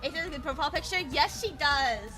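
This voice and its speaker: Woman, cute anime streamer voice, very high pitch, bright tone, sweet bubbly stream chat, faint music behind. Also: expressive, fast talker. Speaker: VTuber game streamer. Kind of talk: live game stream chat.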